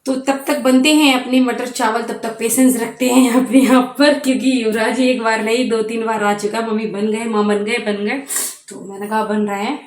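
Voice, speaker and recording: A young woman with a slightly high voice chats directly to her viewers in a relaxed home vlog, rambling from one small story to another with lots of fillers. She talks at a normal speed with few pauses, and the room echoes like a bare home kitchen.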